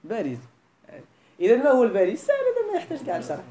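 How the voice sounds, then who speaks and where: A woman's voice: on the high side, huge pitch swings, racing, warm tone. A woman with a Moroccan Arabic accent teaching a classroom grammar lesson, often quizzing her students with questions.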